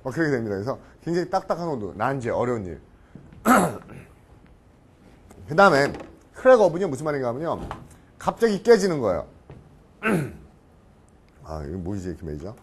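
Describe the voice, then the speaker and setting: A middle-aged man lecturing on English idioms in Korean. He keeps asking the class questions, answers them himself, and often clears his throat. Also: mid-range voice, very animated, moderate pace, pauses often. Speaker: professor teaching English idioms.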